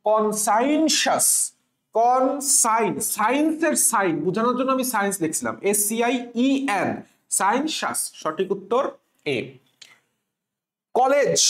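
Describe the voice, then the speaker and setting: A man teaching an exam prep spelling lesson, spelling words letter by letter and having students repeat after him. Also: high voice. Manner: repetitive, drills letters, asks students to repeat. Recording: roomy echo.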